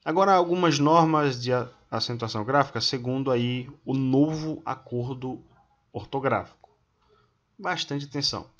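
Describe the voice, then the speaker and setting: A man teaching a grammar lesson, slowly reading long lists of example words one at a time. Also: mid-range voice, fairly bright tone. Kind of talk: slow instructional reading of word lists.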